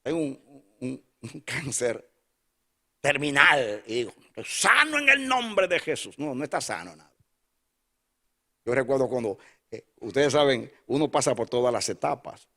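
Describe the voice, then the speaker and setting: An older man preaching a sermon as a pastor, emphatic and repetitive, dropping now and then into soft asides. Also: medium pitch, measured pace, long pauses.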